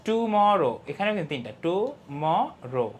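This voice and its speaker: A young man teaching an English lesson, explaining step by step, reading English lines slowly and stressing key syllables. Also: sits high, expressive, slight background noise. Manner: explains step by step, often asks "ঠিক আছে?". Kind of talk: online class lesson.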